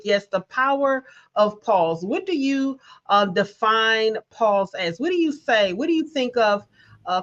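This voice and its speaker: Encouraging woman leading a livestream session. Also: medium pitch. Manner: warm, encouraging, reads viewer comments aloud. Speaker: wellness session facilitator. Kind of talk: guided group session on a live stream. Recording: dull lo-fi stream audio.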